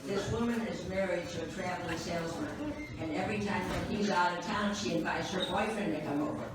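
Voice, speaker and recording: A woman's voice: lowish voice, a little fast. A woman in her nineties doing live stand-up, telling jokes unhurriedly with dry punchlines. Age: 90s. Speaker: stand-up comedian. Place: cigar bar, live audience. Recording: echoey, distant, noisy live room.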